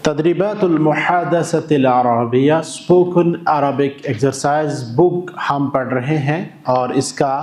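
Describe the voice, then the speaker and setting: A man teaching an Arabic grammar lesson in a classroom, speaking slowly and deliberately and drilling words by repeating them. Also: a little high, a little mellow. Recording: echoey room.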